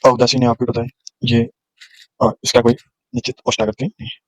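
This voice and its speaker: Man slowly sounding out letters in a lesson. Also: medium pitch, level tone, poor audio. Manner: slow and explanatory, sounding out letters one by one. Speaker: teacher. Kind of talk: classroom lecture on grammar.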